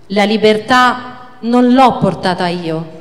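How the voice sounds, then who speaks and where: A woman voicing a proud male warrior hero, speaking slowly and gravely in a lowered voice, in an echoey hall. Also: lightly acted. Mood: solemn. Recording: echoey hall, faint crowd.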